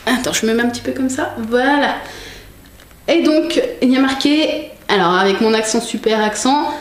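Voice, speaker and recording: Speaking at a moderate pace in a slightly high voice, a young vlogger chats at home and holds items up to the camera, using lots of fillers and starting over often. Faint noise and room echo are present.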